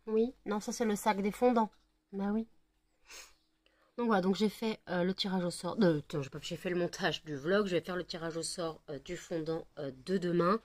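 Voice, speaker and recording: A woman's voice: lowish voice, steady tone, normal speed, a little mellow, dry recording. Woman, tired, casual home vlog, rambling with fillers, dry close sound. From France. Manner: tired, rambling with many fillers, talks to her dog. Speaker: vlogger. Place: home indoors.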